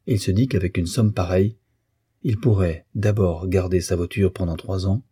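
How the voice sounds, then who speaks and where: A man reading a classic novel aloud in measured, even narration. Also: low voice, breathy edge, no room sound, studio quality. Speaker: audiobook reader.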